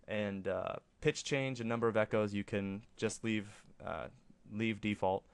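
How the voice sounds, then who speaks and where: Low-voiced man giving a casual tutorial. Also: a little slow, creaky, smooth. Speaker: tutorial presenter. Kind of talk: casual screen-recorded software tutorial. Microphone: close microphone, voice-over for screen capture.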